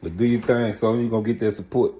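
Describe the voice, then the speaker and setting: A man's voice: on the low side, fairly even intonation, quick pace, warm tone. A middle-aged man, telling stories casually in rambling, repetitive, slangy talk. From Mississippi, United States. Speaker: vlog host and storyteller. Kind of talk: casual storytelling chat.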